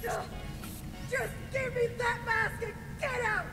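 A woman's voice: extremely high pitch, steady tone, takes it slowly, over music, heavily acted. A woman voicing a vain, bratty female animatronic rock star in a video game, demanding and whiny. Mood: snappy.

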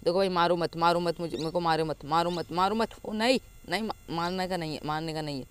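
A young man giving live gameplay commentary as a gaming channel host, excitable, taunting and yelling at enemies. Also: a little high, fast talker, slight background noise. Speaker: gaming YouTuber.

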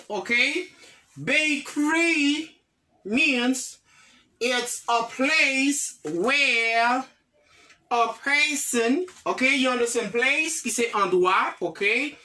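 Slow, bright-voiced Haitian woman teacher. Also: sits high. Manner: repeats words slowly with frequent "ok?" checks. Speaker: English teacher. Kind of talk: online language lesson, mixing English, French and Creole.

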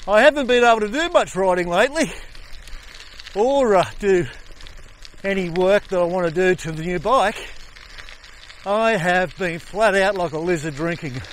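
An older Australian man chatting casually to the camera while cycling outdoors on a coastal gravel road. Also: high voice, moderate pace, pauses often, slight background noise. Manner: chatty, easygoing, talking while riding. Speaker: cycling vlogger. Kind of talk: casual ride commentary. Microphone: helmet or bike camera.

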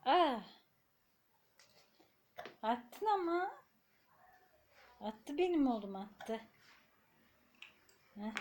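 A young woman filming her baby at home, talking slowly in a doting, cooing tone. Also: fairly high pitch, a little mellow, slight background noise. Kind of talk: casual home video narration.

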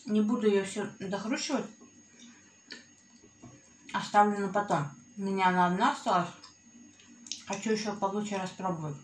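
A woman's voice: mid-range voice, steady tone, normal speed, pauses often, echoey room, slight background noise, low-quality recording. A woman hosting an eating video, chatting affectionately to her viewers while chewing, with a savoring, descriptive manner. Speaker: mukbang host eating clay. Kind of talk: casual chat to viewers.

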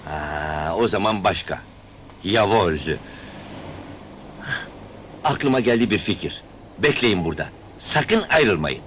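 A man's voice: fairly low pitch, expressive, takes it slowly, long pauses, a bit bright, slight background noise. A sly broken-Turkish middleman. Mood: scheming. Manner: broken grammar, sly chuckling. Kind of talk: 1980s film comedy acting.

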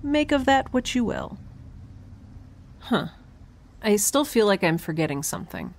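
Playing a quirky young scientist in space, a woman records a spoken log for an audio drama in a chatty, wry way. Her medium-pitched, creaky voice swings widely in pitch at a measured pace. She sounds musing and wry, informal, and keeps interrupting herself.

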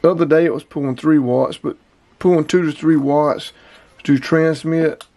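This outdoors and radio hobbyist, a vlogger in his fifties, has a slightly high, warm voice with vocal fry, fairly even intonation, and a moderate pace. He rambles casually and plainly through a gear demo, repeating numbers, on a close camera mic in a small indoor room with no echo.

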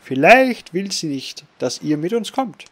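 A man voicing a smooth, guarded male informant in a pirate game, reading the lines aloud with animated delivery. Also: high-pitched, unhurried, voice pushed up, heavily acted.

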